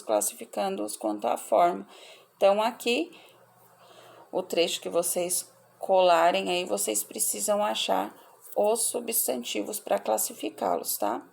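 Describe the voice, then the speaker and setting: A woman teacher reads out and corrects workbook answers for children in a slow, patient way. Her voice has a strong gravelly fry, and she goes through the word lists one at a time. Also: mid-range voice, a little mellow. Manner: slow, measured listing of words for pupils.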